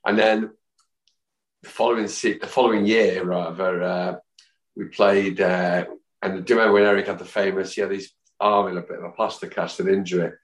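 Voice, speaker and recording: A man's voice: low voice, level tone, a little fast. A man, a guest telling long, rambling stories in a podcast chat and acting out the people he quotes. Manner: rambling, chatty storyteller who acts out quotes. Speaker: guest, fan songwriter. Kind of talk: anecdotal storytelling in a podcast chat. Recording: roomy echo.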